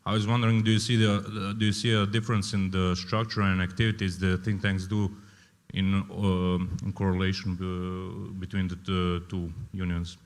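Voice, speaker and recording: Man, audience questioner, very low and level, in a conference hall with long echo. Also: level tone. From Croatia. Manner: hesitant, halting phrasing. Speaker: audience member asking a question.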